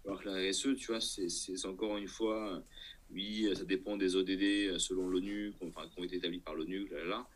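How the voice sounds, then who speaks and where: Talking fast in a low, level voice, a male entrepreneur chats informally during an interview. He hesitates, reasons out loud, and keeps checking whether the listener understands.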